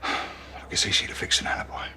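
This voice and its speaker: A man's voice: brisk, pushed and bright, a little hiss or hum. An actor playing a blunt, matter-of-fact police officer who speaks to a suspect like a father.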